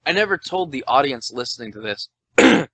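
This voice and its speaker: A man's voice: mid-range voice, sing-song, a little fast, gravelly, pushed and bright, dry recording. A man in his twenties, drunk, hosting a podcast in loose, rambling, swearing chat, with faint music behind. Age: 20s. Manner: loose, rambling, swearing, reading aloud with mock quoting. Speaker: podcast host. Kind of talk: tipsy casual podcast chat. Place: indoors at home, Tennessee.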